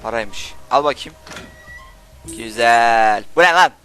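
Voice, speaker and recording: A young man doing Let's Play commentary, swearing and shouting insults at game characters while he plays. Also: medium pitch, lively intonation, slow pace, soft background music. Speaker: gaming channel host.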